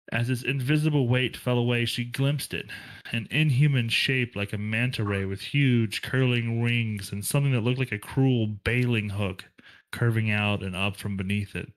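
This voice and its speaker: A man reading a novel aloud for a book club, in a plain, steady delivery with occasional slips and restarts. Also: fairly low pitch, rough recording.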